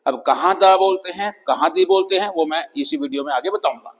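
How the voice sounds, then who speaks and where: A man with a Hindi accent teaching English pronunciation, slowly spelling out letters and repeating example words one by one. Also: fairly high pitch. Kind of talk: classroom-style pronunciation lesson. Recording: long reverb of a hall-like room.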